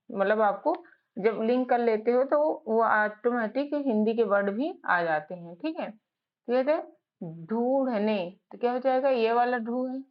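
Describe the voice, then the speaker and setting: A woman teacher patiently sounding out letters and words one by one, repeating each word and asking herself questions as she goes. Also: a little high. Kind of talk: slow spelling lesson, sounding out letters. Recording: slightly dull lo-fi audio.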